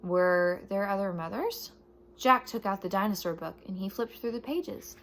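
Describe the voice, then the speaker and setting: With a mid-range voice, a woman performs a children's chapter book out loud, her storytelling animated and dramatic and her emphasis carefully placed.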